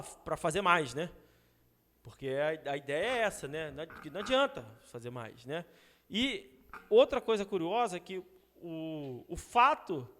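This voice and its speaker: A Brazilian man with a Brazilian Portuguese accent, teaching a Bible study in a relaxed, conversational way, often adding "né?" to check that his listeners follow. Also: high-pitched, long reverb tail. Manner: conversational, frequent rhetorical "né?" asides. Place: church hall.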